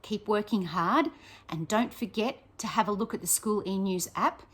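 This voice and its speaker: With a husky, medium-pitched voice at a normal speed, a woman who teaches primary school reads a picture book to young kids. She sounds expressive and encouraging, turning to her listeners with friendly, chatty questions.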